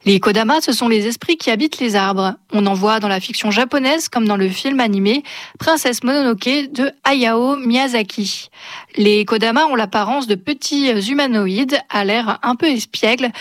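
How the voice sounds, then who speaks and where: A woman's voice: fairly high pitch, no echo. Woman host reading a script, dry sound. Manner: smooth, read from script. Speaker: radio host. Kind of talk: scripted narration.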